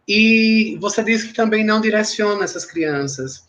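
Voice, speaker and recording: A man's voice: sits high, moderate pace, fairly bright tone, highs cut off. A man moderating an interview, asking questions and relaying a question from the audience. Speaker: interview mediator, professor.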